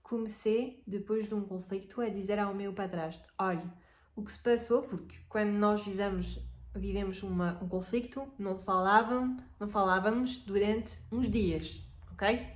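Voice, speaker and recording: Woman with flat, hesitant delivery. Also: medium pitch, normal speed. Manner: hesitant, often searching for words. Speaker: relationship advice speaker. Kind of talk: casual advice talk. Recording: echoey room.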